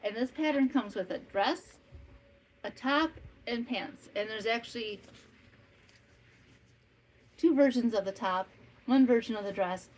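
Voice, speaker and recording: She speaks a little slowly, on the high side, with a darkish tone and frequent pauses: a podcast host and maker in her fifties from northwestern Wisconsin, chatting casually at home with asides and self-corrections. Summer heat keeps a fan running, its faint hum caught on a rough recording.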